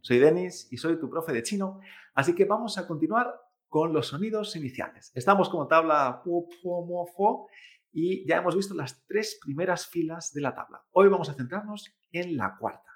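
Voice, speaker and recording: A male Chinese teacher giving a pronunciation lesson, patiently modelling each sound slowly and repeating it, often tagging "¿eh?" and "¿vale?". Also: on the high side, expressive. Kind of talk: language lesson.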